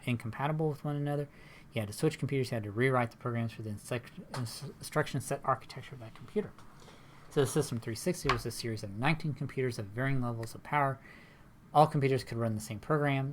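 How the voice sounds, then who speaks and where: A man's voice: mid-range voice, a bit bright, slight background noise. A man giving a recorded university lecture in a rambling, conversational way, often checking in with tag questions.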